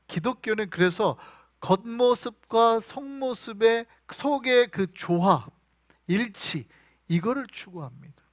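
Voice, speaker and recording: A male pastor preaching a sermon, telling animated stories and asking the congregation questions. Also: sits high, no room sound.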